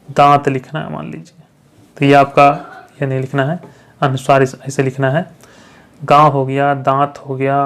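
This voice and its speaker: Man teaching, quizzing viewers as he goes. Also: on the high side. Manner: repeats questions to the viewers and answers them himself; checks understanding with frequent "thik hai". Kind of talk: grammar lesson for exam candidates.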